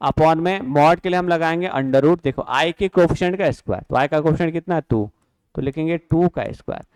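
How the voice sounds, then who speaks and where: A man's voice: on the high side, brisk, a little mellow, clear, resonant tone, no room sound. A male physics teacher gives a classroom lecture, explaining step by step and answering his own questions as if from students. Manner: mixes English terms into Hindi. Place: classroom or studio.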